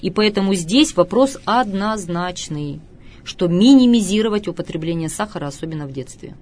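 A middle-aged woman with a fairly low voice talks as a studio guest expert. She lectures with firm emphasis and stretches out the words she wants to stress. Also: lively intonation, normal speed, darkish tone. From Russia. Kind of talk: studio talk show interview.

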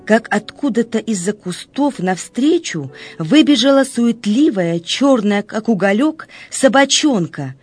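A woman's voice: fairly high pitch, animated, unhurried, hardly any pauses, breathy edge, faint music behind. A woman reading scripted literary narration as the narrator of a story.

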